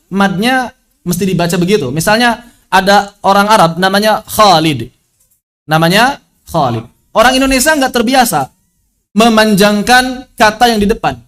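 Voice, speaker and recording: A man with a high voice teaches an online recitation lesson through a video call. He explains patiently, repeating key phrases and slipping between formal teaching and casual asides. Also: fairly bright tone. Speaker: religious teacher.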